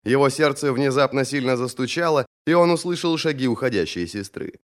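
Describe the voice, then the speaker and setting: A man narrating an audiobook with expressive, dramatic delivery. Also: mid-range voice, brisk.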